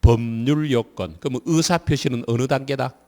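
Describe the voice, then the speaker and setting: A man's voice: medium pitch, normal speed, mellow, in a large hall. A man with a Gyeongsang Korean accent teaching civil law in a classroom lecture, drilling students with repeated quiz questions. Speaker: civil law instructor for a real estate licensing exam.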